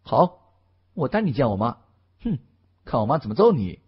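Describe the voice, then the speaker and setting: A man voicing a spoiled, bold teenage girl who answers back in quick, pert, high-pitched retorts. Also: sing-song, husky, highs cut off. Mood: defiant.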